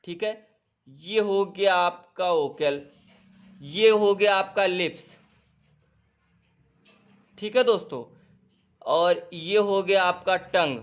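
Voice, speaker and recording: A man teaching English grammar in a lesson, who keeps calling the viewers "friends", asks if they follow, and spells out example sentences slowly, word by word. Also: high voice, lo-fi sound. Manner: repeats "dosto" and "theek hai" constantly, drawing on a board. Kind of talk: classroom-style grammar lesson.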